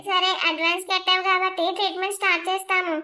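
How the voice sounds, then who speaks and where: An actress voicing a brisk, businesslike hospital receptionist in a cartoon drama. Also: female voice, very high-pitched, level tone, bright, forceful tone. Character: curt hospital receptionist woman.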